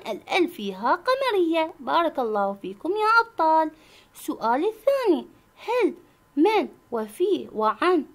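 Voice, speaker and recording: A woman teaching a reading lesson to young pupils, speaking slowly and clearly, naming the punctuation marks aloud and praising the class. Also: high-pitched. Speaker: primary school teacher.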